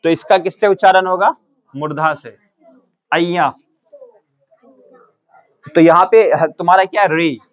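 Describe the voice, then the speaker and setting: High-voiced and unhurried, leaving long pauses, a male teacher from Bihar, India leads a grammar lesson in a coaching classroom. He poses the same question to the class again and again and provides the answers on his own.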